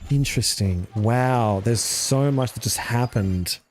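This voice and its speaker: Excitable swearing male game streamer. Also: medium pitch, slow pace. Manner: excitable, swears a lot, thinks aloud. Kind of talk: casual live-stream commentary. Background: faint game music.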